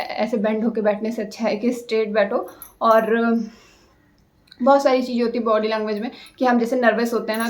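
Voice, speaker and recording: A young woman vlogger with a fairly high voice gives casual style and confidence advice to the camera. She's chatty and hesitant, leaning on many fillers and pausing often as she tries to speak slowly and calmly.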